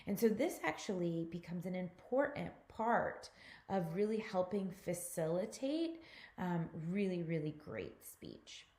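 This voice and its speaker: A woman's voice: fairly low pitch, animated, measured pace, warm tone, reverberant, a little hiss or hum. A woman instructor delivering a recorded mini lecture, explaining patiently and speaking directly to her students. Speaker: course instructor.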